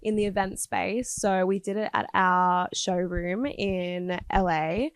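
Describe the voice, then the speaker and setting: A woman's voice: fairly low pitch, fairly even intonation, slow, clear, resonant tone, no room sound. A woman, co-hosting a vlogcast in bubbly, casual chat and laughing often. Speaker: vlogcast co-host.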